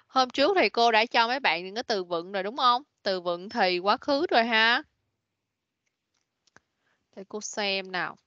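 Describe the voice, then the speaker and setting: Female online English teacher, patient and prompting, bright tone, dry slightly muffled call audio. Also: medium pitch, lively intonation, normal speed, pauses often, dry recording. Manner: patient, prompting, mixes English words into explanations. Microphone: computer mic on a video call.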